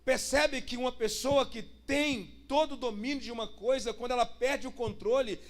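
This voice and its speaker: A man's voice: extremely high pitch, a bit bright. A pastor, preaching a sermon and putting rhetorical questions to his congregation. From Brazil.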